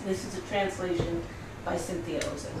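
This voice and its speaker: A woman reading a translated poem aloud to guests at a party, slowly and deliberately. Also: lowish voice, fairly even intonation. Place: room at a party. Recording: very echoey room, distant mic, faint hiss.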